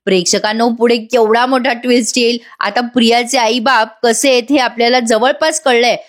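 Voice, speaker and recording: A woman with a high voice narrates a voice-over review of a TV serial. She is chatty and keeps turning to her viewers directly. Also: steady tone, moderate pace.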